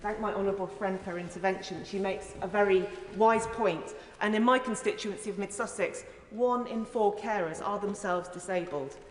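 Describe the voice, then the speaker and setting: A woman's voice: medium pitch, moderate pace, few pauses, slight background noise. Echoey, emphatic woman addressing parliament. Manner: earnest, emphatic, rhetorical. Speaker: member of parliament giving a speech. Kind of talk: formal parliamentary debate speech. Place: large indoor parliamentary chamber. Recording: echoey, reverberant debating chamber.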